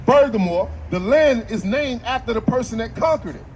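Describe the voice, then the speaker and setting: High-voiced man preaching forcefully. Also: expressive, normal speed. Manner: forceful, argumentative, quotes scripture. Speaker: street preacher. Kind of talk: street preaching and Bible teaching. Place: outdoors on a city street.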